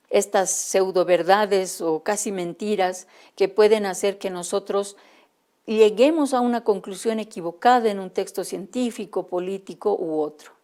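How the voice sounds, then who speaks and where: A woman with a Bolivian Spanish accent giving an online teacher-training lecture, explaining clearly and addressing teachers directly with classroom examples. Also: mid-range voice, mellow.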